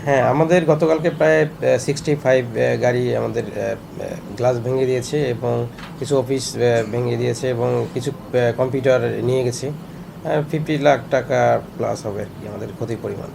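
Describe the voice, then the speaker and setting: A man with a gravelly, fry-tinged voice at a middling pitch speaks for his company to reporters, measured and official, filling pauses with long hesitations. The recording is noisy street audio with steady background sound. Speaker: company administration manager. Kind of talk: on-the-spot press statement.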